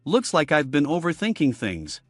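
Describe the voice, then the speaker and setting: A man's voice: a little high, huge pitch swings, moderate pace, dry recording. A man voicing a timid, earnest male town god who speaks politely and anxiously. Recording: dry with faint music.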